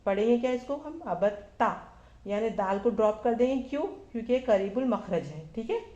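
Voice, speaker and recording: A woman teaching Arabic verb forms to a class of women, asking questions and answering them herself, repeating each form slowly. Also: a little high, animated, mellow, echoey room, highs cut off. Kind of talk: slow classroom lesson.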